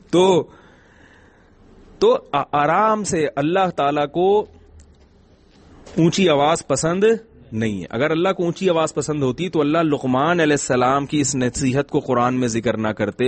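A middle-aged Islamic scholar with a fairly high-pitched voice gives a conversational religious talk. His manner is gentle and humorous, built on storytelling and rhetorical questions.

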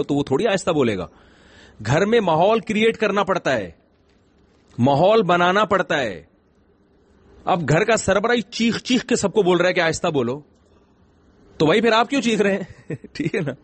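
A middle-aged man, an Islamic scholar giving a conversational religious talk in a gentle, humorous storytelling manner with rhetorical questions. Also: a little high, slightly rough.

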